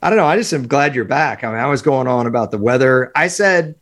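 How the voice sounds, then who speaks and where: Male podcast co-host, casual, opinionated, excitable delivery over a remote call. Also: medium pitch, fast talker. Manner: animated, opinionated, talks in bursts with fillers. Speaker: podcast co-host, football analyst. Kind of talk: casual sports podcast chat.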